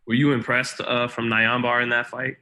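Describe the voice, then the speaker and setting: A man's voice: mid-range voice, flat delivery, moderate pace, bright, forceful tone. A man working as a reporter, asking a boxer questions on a video press call in a loose, conversational way.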